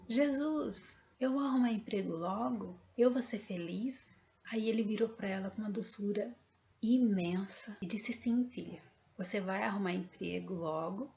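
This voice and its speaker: A woman's voice: medium pitch, a little mellow. Woman telling a spiritual story, lo-fi. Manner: earnest, repetitive storytelling that acts out dialogue. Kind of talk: personal testimony.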